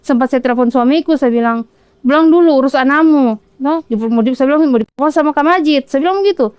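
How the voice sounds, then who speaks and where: A woman's voice: high voice, quick pace, a little mellow, no echo. A woman from Kolaka with a Southeast Sulawesi Indonesian accent, a mother earnestly retelling events in detail during a podcast interview. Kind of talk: personal account in a podcast interview.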